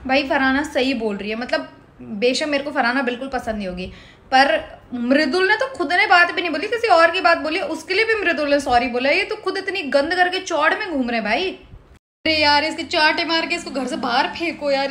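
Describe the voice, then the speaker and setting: Young woman ranting about a reality show, high voice, laughs a lot and mimics ppl. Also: normal speed. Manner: animated, opinionated, laughs and mimics often. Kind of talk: casual reaction commentary.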